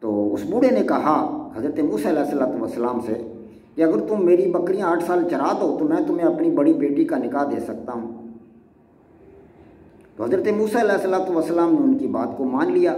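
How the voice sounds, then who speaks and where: A man gives a religious lesson in Urdu, retelling an old sacred story at an even pace. His voice sits slightly above the usual male range. The recording carries a noticeable room echo. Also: on the high side. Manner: measured retelling with voiced quotes. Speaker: religious lecturer.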